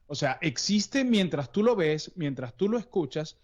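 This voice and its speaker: Higher-voiced man, dull lo-fi sound. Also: sing-song, measured pace. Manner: explanatory, anecdotal, many restarts. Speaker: voice coach. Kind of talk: interview conversation.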